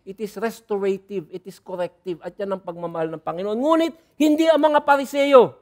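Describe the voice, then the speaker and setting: A man preaching a sermon as pastor, lively, dropping from soft asides to loud bursts and mixing in English phrases. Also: sits high, a little fast.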